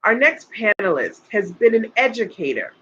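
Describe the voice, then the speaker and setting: Woman, podcast host, upbeat, chatty, bright forceful voice, dull lo-fi sound. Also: mid-range voice, sing-song, moderate pace. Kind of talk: hosting a panel. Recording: dull lo-fi sound with faint noise.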